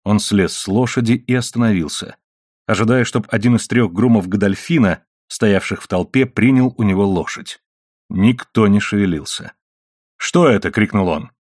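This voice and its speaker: A man narrates an adventure novel for an audiobook in a low, even voice. The sound is close and dry, with no room around it. He keeps a steady storytelling pace. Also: moderate pace, dry recording.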